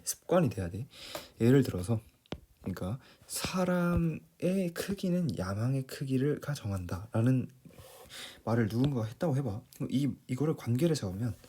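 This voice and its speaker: A man's voice: mid-range voice, a little fast, mellow, slight background noise. A man teaching English reading in a casual lecture, talking plainly to his students, often rephrasing and checking in with them.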